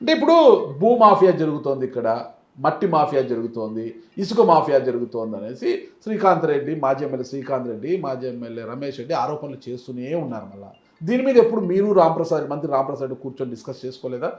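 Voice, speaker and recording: A man interviewing a politician, pressing him with rapid follow-up questions. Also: mid-range voice, sing-song, darkish tone, roomy sound.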